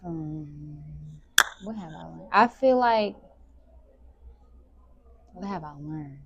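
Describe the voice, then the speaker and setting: A teenage girl, a high school sprinter answering interview questions in a relaxed, rambling way. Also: takes it slowly, gravelly, dull audio. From Memphis, Tennessee. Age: teens. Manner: relaxed, rambling, many "like" fillers.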